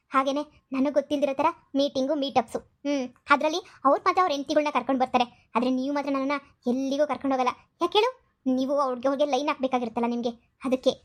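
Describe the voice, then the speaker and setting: A woman's voice: high-pitched, natural voice. A woman voicing a jealous, nagging young wife who accuses and needles in a cartoon comedy. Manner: accusing, needling, repeats herself.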